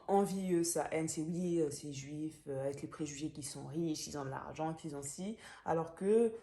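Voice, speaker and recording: A young woman speaks with a Gabonese French accent, her voice low and mellow. She talks through a book review in a casual, hesitant way, full of fillers and restarts. The room around her sounds roomy and echoey. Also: normal speed.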